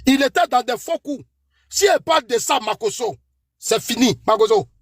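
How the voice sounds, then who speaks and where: A man with an Ivorian French accent argues hotly in a political debate, calling out his opponent again and again and preaching warnings about God's judgment. His voice sits very high for a man and sounds husky, and the recording is dry and close. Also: lively intonation, moderate pace, no room sound. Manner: accusatory, repeatedly calling out his opponent by name; preachy warnings invoking God.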